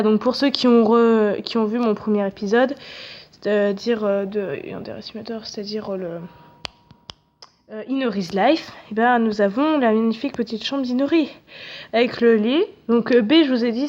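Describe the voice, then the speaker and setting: A young woman talks through her gameplay in a loose, chatty way, poking fun at herself and cursing casually when the game acts up. Her voice sits a little high. The recording is somewhat dull and lo-fi. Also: a little mellow. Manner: chatty, self-mocking, swears casually at the game. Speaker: gaming video creator. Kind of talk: casual let's-play commentary. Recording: dull, slightly lo-fi audio.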